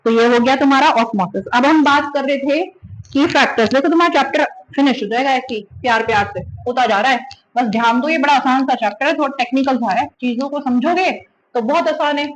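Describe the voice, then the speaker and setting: Woman teacher, high voice, scolds and teases, explains by everyday examples in a class lecture. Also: quick pace, rough recording.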